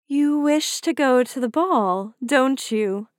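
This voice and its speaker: A woman reading a storybook voices the fairy godmother as a kindly older woman who speaks gently and coaxingly, slowing down on her words. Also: high-pitched, dry recording, studio quality, voice pushed up.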